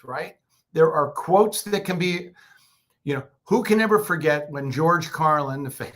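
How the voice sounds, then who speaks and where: A man with a slightly high voice coaches public speakers in a loose, chatty way. He keeps circling back and restarting his sentences, and he tosses in quick checks like "right?" to keep listeners with him. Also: fairly bright tone. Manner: conversational, many fillers and restarts. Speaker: co-host of a speaking workshop. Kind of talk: casual instructional talk.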